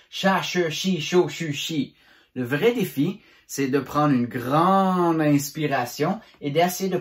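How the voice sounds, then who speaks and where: A man teaching children a voice warm-up, articulating syllables clearly and encouraging them. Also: mid-range voice. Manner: clear, deliberate articulation, chanting syllables in drills; encouraging and instructive. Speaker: drama teacher.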